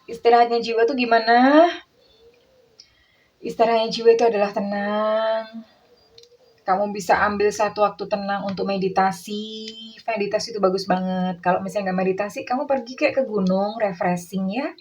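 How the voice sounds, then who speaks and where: Woman, tarot reader, motherly, coaxing, soft repetitions, guided relaxation. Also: mid-range voice, steady tone, moderate pace, rough recording. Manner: calls herself Bunda, addresses viewer as darling and sayang; soft, coaxing, repeats words.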